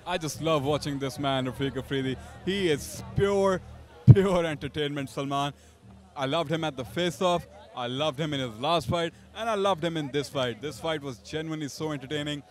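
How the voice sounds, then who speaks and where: A man's voice: a little high, brisk, a little mellow. A man giving live fight commentary, enthusiastic and repeating phrases for emphasis.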